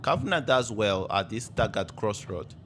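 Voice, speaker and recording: Low-voiced man narrating over loud car noise. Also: expressive. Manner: measured, evaluative, explanatory. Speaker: driving instructor narrating a mock test review. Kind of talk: instructional voice-over commentary.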